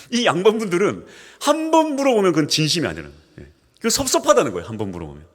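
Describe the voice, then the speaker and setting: A male pastor preaching a sermon, swinging between soft asides and emphatic peaks. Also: high-pitched, wildly swooping pitch, racing. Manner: acts out homely dialogue with humor. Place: church sanctuary. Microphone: microphone with feedback trouble. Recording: reverberant church hall.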